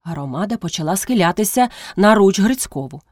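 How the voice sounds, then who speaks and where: A woman's voice: medium pitch, brisk, no room sound, studio quality. A woman narrating classic prose as an audiobook, telling it expressively. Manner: expressive storytelling.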